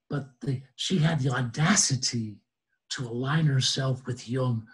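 A man's voice: medium pitch, low-quality recording. A man in his sixties, an enthusiastic guest speaker who laughs often, talking on a video call. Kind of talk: casual webinar talk.

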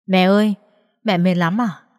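A woman voicing a small, caring boy who speaks softly and politely in an audiobook. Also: medium pitch, steady tone, a little slow, dry recording, clean studio sound, natural voice. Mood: gentle, worried. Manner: soft, polite childlike asking. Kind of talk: audiobook character voice.

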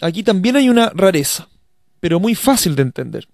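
A man's voice: high-pitched, very animated, brisk, darkish tone, no room sound, studio quality. A man teaching a language lesson, explaining step by step in a patient way and speaking straight to his learners. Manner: addresses learners directly.

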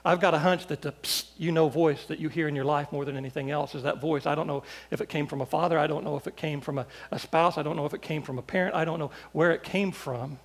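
High, gravelly-voiced male preacher. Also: steady tone, fast, hardly any pauses. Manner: storytelling with repeated restarts. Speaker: pastor. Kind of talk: sermon.

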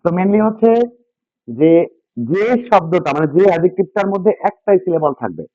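A man's voice: high voice, lively intonation, a little fast, no echo. Man teaching grammar, quizzing his class. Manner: repeats key points, quizzes students with questions. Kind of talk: classroom lesson with call-and-response. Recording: dull, dry lo-fi sound.

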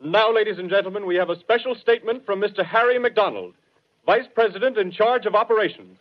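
An actor playing a male radio announcer in a 1930s radio drama, reading urgent bulletins in a crisp, formal, old newsreel style. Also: sits high, fairly quick. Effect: old newsreel-style broadcast announcing. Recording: dull lo-fi 1930s radio recording.

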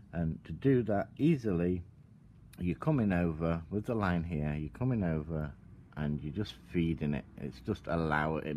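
Low, slow-spoken man giving calm step-by-step instructions. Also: slight background noise. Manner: calm, instructive, talks while working with hands. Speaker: product demonstrator. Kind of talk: step-by-step tutorial. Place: outdoor patio table.

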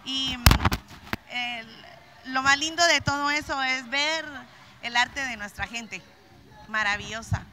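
A nervous middle-aged craft vendor from Guatemala is being interviewed at an indoor event, speaking into a handheld mic with many fillers and repetitions. Her voice sits high and her pace is slow, with heavy noise in the background.

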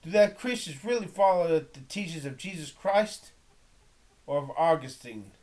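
A man's voice: fairly high pitch, expressive, moderate pace, darkish tone. A man giving impassioned off-the-cuff commentary on a documentary, preachy and confrontational, reading scripture aloud. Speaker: video critic reacting to a documentary.

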